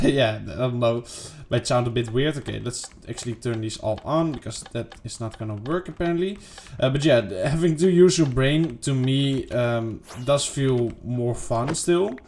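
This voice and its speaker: A man casually talking through his gameplay, rambling and second-guessing himself with lots of fillers. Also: a little mellow. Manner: rambling, self-questioning, lots of fillers and "boom". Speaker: gaming video creator. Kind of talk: casual unedited gameplay commentary.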